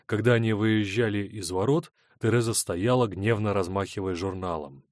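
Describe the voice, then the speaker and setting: A man narrating an audiobook in a steady, measured reading. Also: on the low side, no room sound, clean studio sound. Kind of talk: scripted narration.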